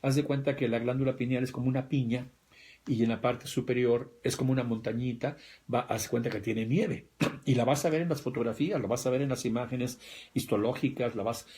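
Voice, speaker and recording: A man's voice: medium pitch, fairly even intonation, a little fast, darkish tone. A man with a Mexican accent giving an emphatic livestream talk on spirituality and health, speaking straight to his listeners. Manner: emphatic, repetitive, addresses listeners directly. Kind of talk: livestream lecture.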